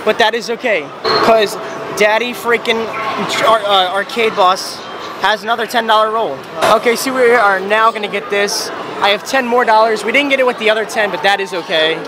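Excitable young male arcade vlogger, high voice, slangy running commentary, very loud machine noise behind him. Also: moderate pace. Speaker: arcade video maker. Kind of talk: excited casual vlog commentary while playing. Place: inside a busy arcade. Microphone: handheld camera mic. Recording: loud noisy arcade, handheld camera.

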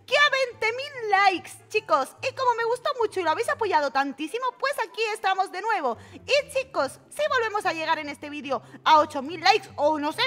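A young woman with a Peninsular Spanish accent, giving excitable, giggly commentary while playing an online game, with game music in the background. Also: very high-pitched. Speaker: gaming channel host. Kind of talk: casual Roblox gameplay commentary.

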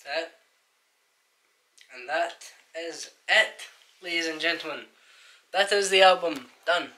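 A young man hosts a laid-back music reaction, talking through his ratings with plenty of ums and restarts. His voice sits a little high and sounds bright and forward. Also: slow pace. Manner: chatty, rates songs out loud with many fillers. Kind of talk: casual album reaction chat.

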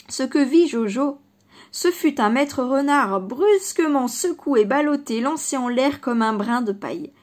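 Give me a woman narrating a children's story, expressive, with a fairly high voice.

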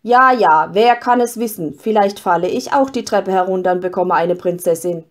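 A woman's voice: mid-range voice, normal speed, lightly acted. A woman voicing a naive, wistful young fir tree that wonders aloud. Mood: wondering. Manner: wondering, hopeful.

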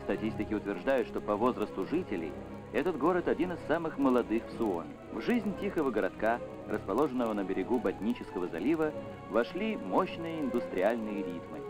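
A man's voice: on the low side, very animated, a little fast, poor audio. A man giving solemn, official narration on an old 1970s newsreel soundtrack. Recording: old newsreel with music underneath.

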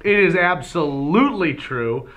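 A man's voice: a little high, expressive, unhurried, a bit bright. A male radio DJ giving mock-serious, rambling non-answers in a comedy debate.

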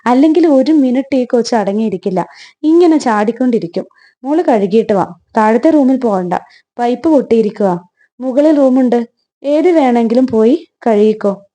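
A woman's voice: a little high, lively intonation, moderate pace, mellow. A woman voicing a flustered, grateful wealthy mother who fusses over her guest. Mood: fussing. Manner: flustered, fussing.

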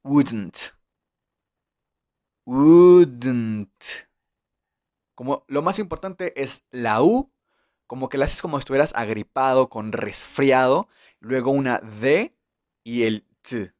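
Slow patient guy teaching beginner english, repeats words over and over. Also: mid-range voice. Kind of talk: beginner language lesson.

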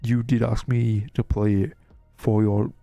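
A man chatting casually while streaming a game, rambling and hesitant, with a croaky, sleepy voice. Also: on the low side, little pitch movement, measured pace, mellow, no echo, lo-fi sound, faint music behind. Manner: rambling and hesitant, many restarts. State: sleepy, yawning. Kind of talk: casual live-stream chat.

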